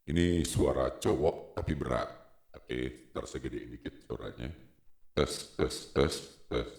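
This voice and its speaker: A man talking slowly through a deep voice-changer filter while testing it. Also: gravelly, darkish tone, reverberant, exaggerated voice. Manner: slow, testing the effect.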